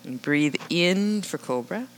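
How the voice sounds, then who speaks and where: Calm woman guiding a yoga class. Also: fairly low pitch, slow, slight background noise. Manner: calm, cueing breath and movement, with rhetorical "right?". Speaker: yoga instructor.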